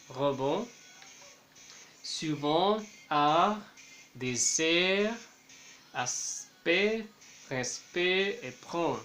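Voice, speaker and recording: Slow, careful male language teacher. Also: fairly high pitch, fairly bright tone, a little hiss or hum. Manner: slow, careful, repeats words for practice. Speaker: French teacher. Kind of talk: bilingual language lesson.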